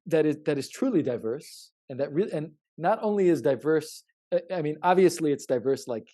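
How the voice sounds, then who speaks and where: In a podcast conversation, a man explains his research in a halting, repetitive way, often stressing points and checking in with the listener. His voice is on the high side and mellow.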